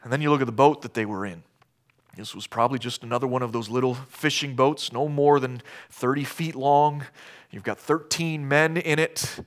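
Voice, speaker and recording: A middle-aged male pastor preaching a sermon, shifting between hushed storytelling and loud, impassioned outbursts. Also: medium pitch.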